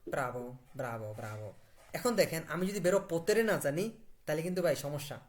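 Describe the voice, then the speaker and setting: A man's voice: on the high side, animated, moderate pace. A man teaching Italian in a live online class. He asks the class questions, answers them himself and repeats words for stress.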